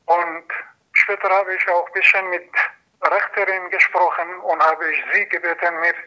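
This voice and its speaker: Man, halting testimony, sharp bright tone, dull lo-fi recording. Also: high voice, flat delivery. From Iran. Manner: halting, non-native phrasing with restarts. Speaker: asylum seeker. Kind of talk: personal testimony.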